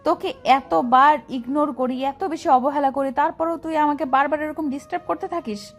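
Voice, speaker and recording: A woman's voice: sits high, expressive, normal speed, faint music behind. A woman voicing an angry young woman who harshly scolds and rejects the man pursuing her, in an audio love story. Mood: angry scorn.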